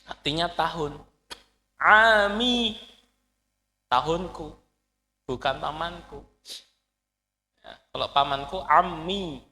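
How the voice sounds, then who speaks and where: A man's voice: fairly high pitch, fairly even intonation, measured pace, pauses often, pushed and bright. A man teaching an Arabic class, explaining patiently and quizzing his students. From Indonesia. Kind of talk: classroom lesson. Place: lecture hall. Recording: long hall reverb.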